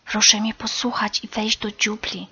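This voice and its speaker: A woman voicing a polite, clever male chameleon in a hushed whispered role-play. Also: medium pitch, monotone, normal speed, slightly rough, heavily acted. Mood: urgent. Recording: slightly dull recording.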